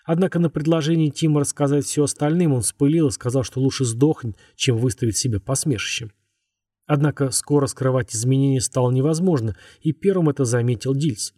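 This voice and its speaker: A man narrating a scripted horror audiobook in a measured, even way. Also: medium pitch, no room sound, clean studio sound.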